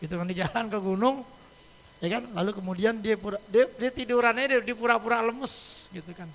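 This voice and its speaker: High, gravelly-voiced preacher in an echoey hall. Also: male voice, fairly quick, fairly bright tone. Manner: joking, chatty, laughs often. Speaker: Islamic teacher. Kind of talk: casual sermon. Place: mosque hall.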